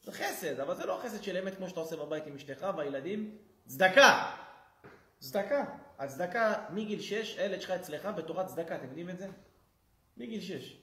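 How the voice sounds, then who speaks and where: High-voiced rabbi giving a humorous lesson. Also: male voice. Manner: lively storyteller who acts out quoted people. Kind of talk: humorous sermon. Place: synagogue hall. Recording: roomy synagogue echo.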